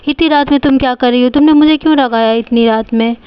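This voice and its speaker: A woman's voice: sits high, fast talker, clear, resonant tone, no room sound, muffled recording, close to an everyday voice. A woman voicing a sleepy boy doll who scolds his little sister irritably. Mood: grumpy. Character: grumpy sleepy boy doll, older brother.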